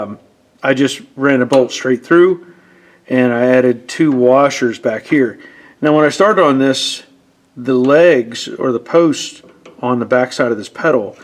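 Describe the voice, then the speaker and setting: A middle-aged garage channel host in his 50s, suffering from a head cold, gives a casual workshop walkthrough in his home garage. He speaks in a mid-range voice, plainly and relaxed, using fillers.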